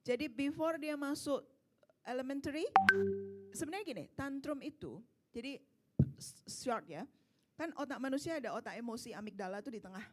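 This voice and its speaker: A woman's voice: sits high, normal speed, faint music behind. A woman speaking at a parenting seminar, answering parents' questions in an emphatic, conversational way. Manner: warm, emphatic, rhetorical questions. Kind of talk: casual seminar talk, mixing Indonesian and English.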